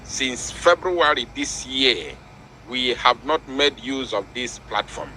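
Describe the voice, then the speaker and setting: A man hosting a political breaking news broadcast, reading out announcements and commenting with deliberate, emphatic repetition. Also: medium pitch, expressive, bright, forceful tone, a little hiss or hum, rough recording. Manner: emphatic, deliberate, repeating words for weight.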